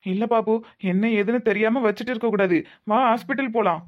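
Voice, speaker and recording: A woman's voice: fairly high pitch, lightly acted. A woman voicing an anxious young husband who fires off worried questions, in a Tirunelveli Tamil accent. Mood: worried, fussing. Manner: fretful, rapid worried questions. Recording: slightly muffled lo-fi audio.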